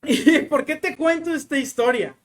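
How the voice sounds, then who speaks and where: A man with a Mexican accent giving a conversational sermon, chatty and full of little fillers, then slowing and softening as he prays. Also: very high-pitched. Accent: Mexican Spanish. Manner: chatty, fills pauses with "¿no?" and "o sea"; slows down and softens when praying. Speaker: preacher. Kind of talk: conversational sermon with personal story.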